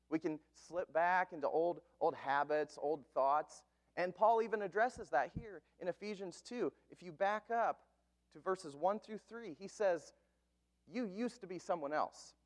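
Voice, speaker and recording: Pastor in his thirties, high tenor; earnest, emphatic sermon delivery. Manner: earnest, emphatic preaching with slow stressed phrases.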